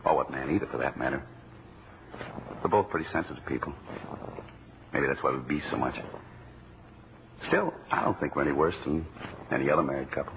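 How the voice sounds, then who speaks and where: A man's voice: mid-range voice, big pitch swings, normal speed, natural voice. A man playing a grumbling, sarcastic hard-up husband. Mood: tender. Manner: sarcastic grumbling, turning tender. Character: griping, hard-up husband with a soft heart. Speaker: radio comedy actor. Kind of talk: 1940s radio comedy acting. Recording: tinny, hissy old radio broadcast.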